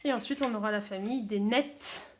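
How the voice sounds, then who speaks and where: A woman teacher calmly explaining a sound-sorting game step by step for young children's parents. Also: mid-range voice, a little fast, slight background noise. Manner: calm, simple step-by-step explaining. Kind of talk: classroom game explanation video.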